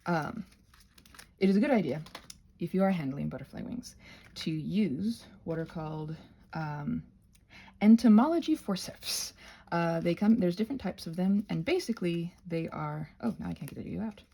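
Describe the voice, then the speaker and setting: A warm, lowish female voice with vocal fry and a breathy edge carries lively intonation at a moderate pace. She's filming a casual butterfly wing prep tutorial on her phone, rambling in a theatrical, self-interrupting way and tossing asides to herself and the objects around her.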